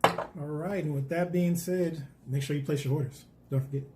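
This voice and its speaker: A man co-hosting a casual food talk, going through facts in a relaxed, joking way. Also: a little high, normal speed, heavy background noise. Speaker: co-host.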